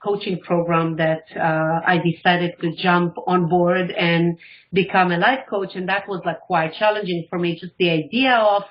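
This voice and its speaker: A life coach from Israel, middle-aged, talks as a radio guest in a casual interview, telling her story animatedly and acting out others' words. She speaks at a normal speed with fairly low pitch. The recording quality is dull and lo-fi.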